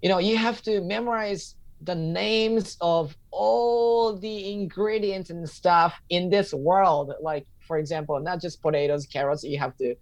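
A man's voice: high voice, measured pace, few pauses. A man in his thirties, a comedian and teacher, answering interview questions in a casual, thoughtful way and often restating a point while he hunts for the right words. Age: 30s. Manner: reflective, repeats himself while searching for words.

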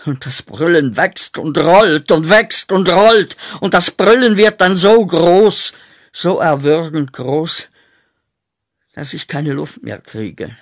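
A man acting a guilt-ridden corporal back from the war, in a radio play, speaking with slow, intense, declaiming rhythm. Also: medium pitch, animated, gravelly, slightly rough, no echo, clean studio sound, heavily acted. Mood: frantic.

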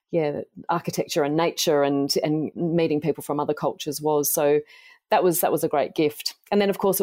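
An Australian woman in her forties, a podcast guest gently and earnestly telling her life story. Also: sits low.

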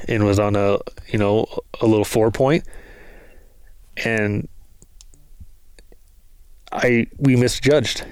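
A man telling a lively story in casual talk, acting out the quoted lines of others. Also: lowish voice, no echo. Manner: animated storyteller, acts out quotes. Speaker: guest, bow hunter.

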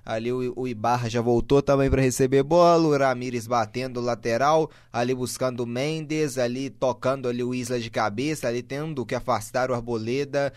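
A man's voice: mid-range voice, fairly even intonation, fairly quick, few pauses. A man with a Brazilian accent giving running play-by-play commentary on a football match.

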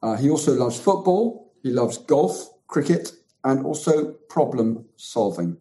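Mellow man hosting. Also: mid-range voice, expressive, unhurried. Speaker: podcast host. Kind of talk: interview hosting.

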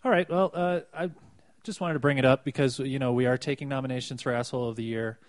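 A man hosting a casual news podcast, talking in a halting way with many fillers. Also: medium pitch, fairly even intonation, no room sound. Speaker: podcast host.

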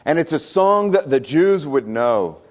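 Preacher guy giving a sermon, earnest, goes quiet to make a point, slightly high voice, muffled lo-fi sound. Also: lively intonation, unhurried. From American South. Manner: earnest preaching, drops to a hush for emphasis. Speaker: pastor. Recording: dull lo-fi recording.

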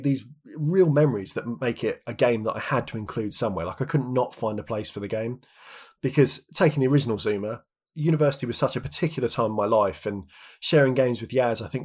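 With a brisk pace and a mid-range, darkish voice with a breathy edge, this thirties-aged podcast co-host muses in casual conversation, often restarting and filling gaps with filler words.

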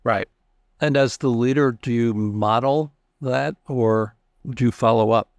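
A man hosting an interview, speaking in a deliberate, reflective conversational way. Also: mid-range voice, no echo. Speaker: interview host.

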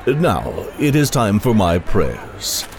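A man's voice: on the low side, huge pitch swings, slow, music in the background, exaggerated voice. A man playing a pompous old scribe. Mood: condescending. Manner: condescending, pompous.

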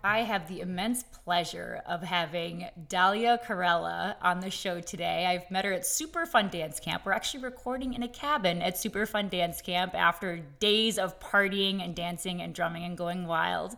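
Low, creaky-voiced woman podcast host. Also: normal speed, few pauses, pushed and bright. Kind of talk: podcast hosting, part scripted introduction, part interview.

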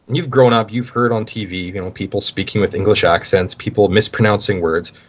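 Canadian man, low husky voice, rambling guest in casual chat, muffled recording. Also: fairly even intonation, brisk. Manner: rambling, many restarts, anecdotal. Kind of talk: casual conversation. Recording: dull lo-fi sound.

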